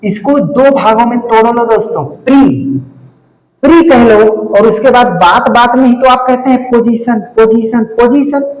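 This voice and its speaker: A man's voice: extremely high pitch, darkish tone. A male teacher giving a grammar lesson, explaining step by step, repeating key words and spelling them out letter by letter. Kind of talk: classroom-style grammar lesson. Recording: echoey room.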